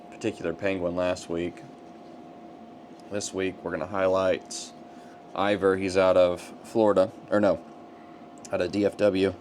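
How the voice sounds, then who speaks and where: Deep-voiced man chatting over background noise. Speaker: co-host, cigar lounge proprietor. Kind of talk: casual chat. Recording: clearly noisy room with steady hum.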